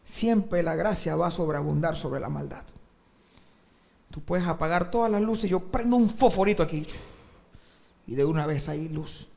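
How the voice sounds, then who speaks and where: A male pastor preaching a sermon, swinging between loud emphatic outbursts and quiet passages, then praying aloud fervently. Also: on the high side, moderate pace, vocal fry, pauses often.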